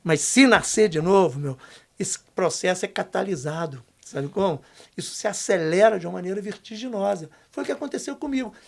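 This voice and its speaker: An older man, a podcast guest telling a testimony story, emphatic and slangy, going hushed when quoting others. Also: high-pitched, expressive, brisk, creaky. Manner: emphatic, slangy, dips to a hushed voice for quoted lines.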